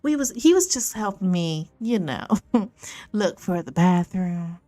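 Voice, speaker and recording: A woman's voice: fairly low pitch, very animated, measured pace, dark tone, no echo. A woman voicing a coy, flirty, playfully evasive female suspect in a tabletop roleplaying game.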